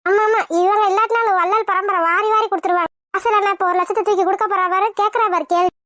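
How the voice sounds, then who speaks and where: Woman doing a jealous cartoon mom, high squeaky voice, sneers at everyone. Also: fairly even intonation, racing, a bit bright, dry recording, studio quality. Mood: sneering. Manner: spiteful, sneering. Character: scheming jealous middle-aged mother.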